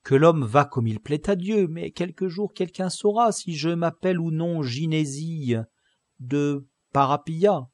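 A man's voice: a little high, a little slow, darkish tone, no echo, voice pushed up, natural voice. A man doing a sly mocking convict. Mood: sardonic. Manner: glib, sardonic, mock-polite. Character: sly boastful male convict, proud and mocking.

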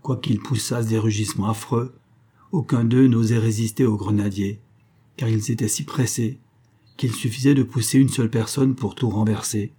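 A man narrates an audiobook with a low, dark, husky voice. He reads at a measured, even pace in a literary style.

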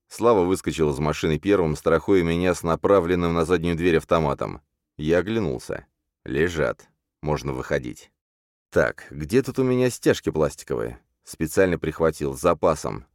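Deep-voiced man narrating a tense thriller. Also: expressive, moderate pace, darkish tone, no room sound, studio quality. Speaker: audiobook narrator. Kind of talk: first-person thriller audiobook narration.

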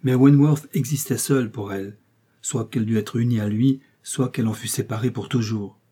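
Un homme qui lit un roman à voix posée, d'un ton égal et mesuré. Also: male voice, medium pitch, steady tone, normal speed, mellow, breathy edge. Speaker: audiobook reader. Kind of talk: novel narration.

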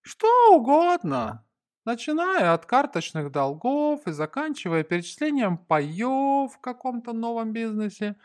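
Man reading as gruff cuban housemate, grumbly, jumps up high when he exclaims. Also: big pitch swings, slow, exaggerated voice. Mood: thoughtful.

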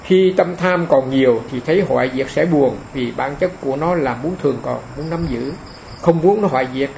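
A man's voice: a little high, normal speed, vocal fry, a little mellow, a little hiss or hum, low-quality recording. A man giving a dharma talk as a monk, homely and repeating phrases for emphasis.

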